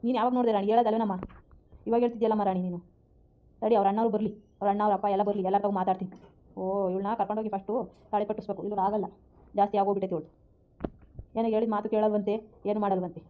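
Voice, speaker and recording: A woman's voice: medium pitch, level tone, rapid-fire, long pauses, narrow, tinny audio, lightly acted. A woman playing a furious middle-aged mother-in-law who scolds and threatens to protect the family's honour. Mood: outraged.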